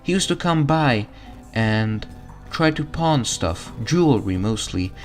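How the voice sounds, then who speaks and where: A man's voice: medium pitch, very animated, slow, faint music behind. A man voicing a kindly, folksy, motherly diner owner woman from a video game. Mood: gossipy. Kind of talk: reading video game dialogue aloud.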